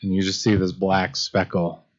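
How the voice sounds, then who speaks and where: A man narrating as game master in a relaxed, casual way, full of fillers. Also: low-pitched, moderate pace. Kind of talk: narrating a tabletop game on a live stream. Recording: muffled lo-fi stream audio.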